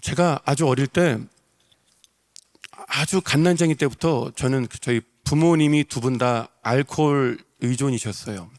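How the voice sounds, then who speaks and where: A man's voice: medium pitch, a little slow, a little mellow. A male pastor preaching an emotional sermon, repeating phrases for emphasis, in a large church sanctuary. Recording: long reverb of a church hall.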